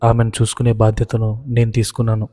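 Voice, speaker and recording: A man voicing a calm, determined young woman speaking quietly and steadily to her parents. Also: on the low side, fast talker, in a large hall, close to an everyday voice. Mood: firm.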